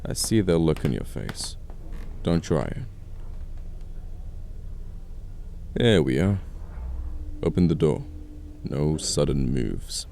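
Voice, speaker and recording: Here a deep, gravelly-voiced actor performs a gentleman killer in audio roleplay, amoral, apologetic, and flirty, courteously and wryly menacing his captive without hurry. The sound is close-miked, dark, and dry with a slight hiss or hum. He uses a full character voice with big pitch swings, and the mood is wry menace.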